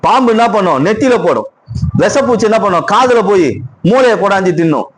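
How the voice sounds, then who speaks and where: Preaching Tamil-accented pastor, fairly high voice. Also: male voice, animated, a little fast. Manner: repetitive, questioning the congregation. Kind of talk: sermon.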